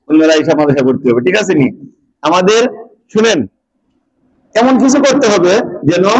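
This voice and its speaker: A man's voice: high-pitched, poor audio. A man teaching a madrasa class, repeating questions and raising his voice to prompt the pupils to answer back. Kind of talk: classroom call-and-response drilling.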